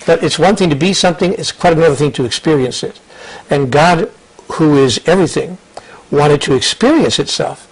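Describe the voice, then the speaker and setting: An older man speaks earnestly as an interview guest, his voice husky and a touch higher than most men's. He circles back over his words, restarting phrases as he thinks aloud, and slips into quoted voices to make a point. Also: fairly quick, low-quality recording. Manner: earnest, repeats words and restarts, quotes others in lively asides. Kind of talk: reflective conversational storytelling.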